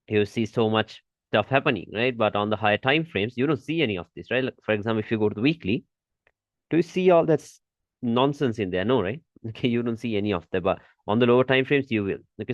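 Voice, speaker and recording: A man with a low voice walks viewers through a trading lesson, repeating key points and stopping often to say "okay." He warns firmly against common mistakes. The recording is dry and slightly muffled. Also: no room sound. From Malaysia. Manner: repeats points with frequent "okay", emphatic warnings. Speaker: trading teacher. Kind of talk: screen-share trading lesson.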